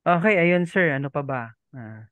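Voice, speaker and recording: A man's voice: on the high side, expressive, normal speed, a bit bright, no room sound, muffled recording. A man teaching a language lesson in a patient, polite way, often repeating himself and checking that the learners follow.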